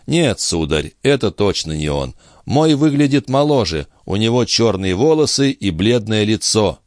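A man's voice: fairly low pitch, very animated, normal speed, no room sound, clean studio sound. A man reading an audiobook, voicing a frantic old man who pleads and cries out for help. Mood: anxious. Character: frantic old man searching for his boy.

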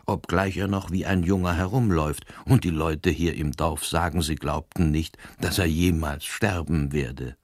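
A man's voice: very deep voice, steady tone, normal speed, few pauses, dry recording. A man reading the lines of a skeptical lawyer who presses with incredulous questions. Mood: tense. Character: tense, skeptical male country lawyer. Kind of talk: scripted narration.

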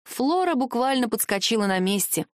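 A woman's voice: on the high side, expressive, moderate pace, dry recording. Woman reading a novel, dry close mic. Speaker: audiobook narrator. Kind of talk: scripted first-person narration.

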